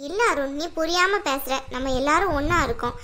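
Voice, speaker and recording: Cartoon part: bossy mother-in-law, scolding and commanding, bright and high, a woman voices her. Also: a little fast, a little hiss or hum. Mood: firm. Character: stern older mother-in-law, domineering. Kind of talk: cartoon voice acting.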